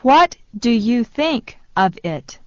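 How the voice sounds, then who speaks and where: A woman slowly and deliberately repeating short phrases for learners in a language lesson. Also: on the high side, very animated, a little mellow, dry recording. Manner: very slow, deliberate delivery. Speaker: phrase reader. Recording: dull lo-fi dry sound.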